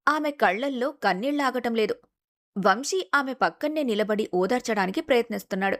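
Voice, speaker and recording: A woman narrating a scripted family drama in a steady storytelling manner. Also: on the high side, a little fast.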